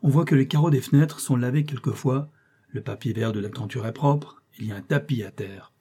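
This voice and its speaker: A man reading a novel aloud as audiobook narrator in a measured, expressive way. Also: medium pitch, husky.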